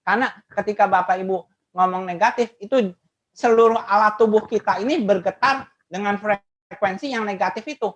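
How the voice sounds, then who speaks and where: A woman teacher talks to parents and teachers over a video call. She keeps laughing between phrases and coaxes her listeners with questions. Her voice sits at an ordinary middle pitch. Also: moderate pace. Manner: acts out quoted remarks in changed voices; lively and coaxing, asks the audience questions. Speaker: math teacher presenting a webinar.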